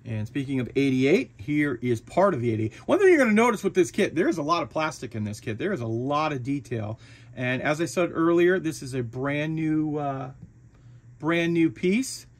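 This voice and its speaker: A man casually talking through the parts of a model kit, chatty and relaxed, with frequent fillers and restarts. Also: a little high, moderate pace. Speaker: hobby shop owner reviewing a model kit. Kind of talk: casual product walkthrough.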